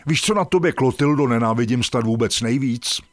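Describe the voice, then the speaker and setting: A man's voice: mid-range voice, dry recording, clean studio sound, lightly acted. A man voicing a grumpy, quarrelsome male dung beetle in a cartoon who grumbles sarcastically. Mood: irritated.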